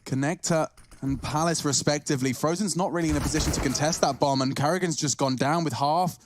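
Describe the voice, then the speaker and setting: A man with a slightly high voice calls the action as an esports caster, urgent and dramatic in his delivery. There is clear noise and clicking behind his play-by-play. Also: fast. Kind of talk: excited play-by-play esports commentary.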